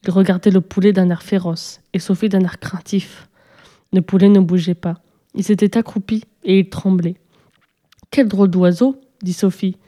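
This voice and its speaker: A woman reading a children's story aloud with steady, even storytelling. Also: medium pitch, normal speed. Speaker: narrator.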